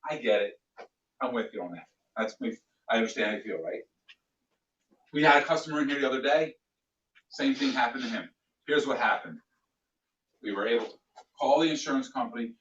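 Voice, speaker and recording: A man leading a sales training class, animated and acting out customer exchanges. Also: medium pitch, a little fast, pauses often. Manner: animated, plays out customer dialogues. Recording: echoey room, distant mic, dull sound.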